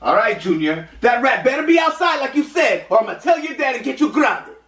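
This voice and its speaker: A man's voice: very high voice, big pitch swings, a little fast, a bit bright, exaggerated voice. A man voicing a fussy puppet chef who scolds and threatens in an exclamatory way. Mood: suspicious, scolding. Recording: very echoey room, distant mic, faint noise.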